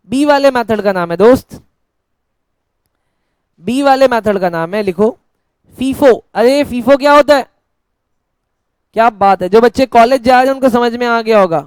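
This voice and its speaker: A male teacher lectures a class, sometimes slowing to dictate notes word by word. He plays both sides, asking questions and answering them himself as a student. His voice is smooth and clear, recorded close and dry. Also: extremely high pitch, lively intonation, no echo. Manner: playful, switches between teacher and mock student voice.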